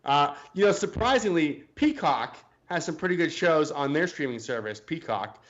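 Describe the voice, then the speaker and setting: A man co-hosting a casual sports podcast, his voice sitting a little high. He talks in a hesitant, joking way, often restarting his sentences. The recording sounds dull and lo-fi. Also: expressive, normal speed, fairly bright tone. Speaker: podcast co-host.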